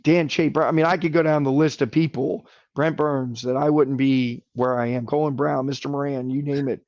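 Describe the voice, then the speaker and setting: A man's voice: mid-range voice, fairly even intonation, normal speed, darkish tone, dry recording, dull audio. A man speaking as a podcast guest in casual conversation, earnest and enthusiastic, rambling a little as he talks.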